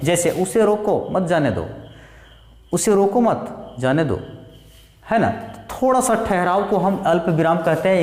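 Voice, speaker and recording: A man teaching a grammar lesson, explaining slowly with worked examples. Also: high-pitched, darkish tone. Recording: echoey room, distant reverb.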